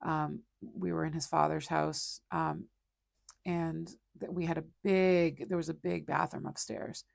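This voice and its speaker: Gravelly-voiced woman chatting as she draws. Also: low voice, fairly even intonation, measured pace, dry recording, clean studio sound. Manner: rambling storyteller with many fillers and restarts. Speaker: art livestream host. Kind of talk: casual chat while drawing.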